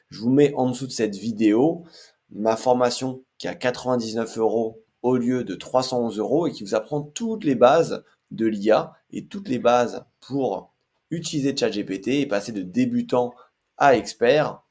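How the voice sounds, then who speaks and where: A man's voice: mid-range voice, darkish tone, breathy edge. A man hosting a casual screen-share tutorial, chatty and hesitant with frequent fillers. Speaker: tech tutorial host.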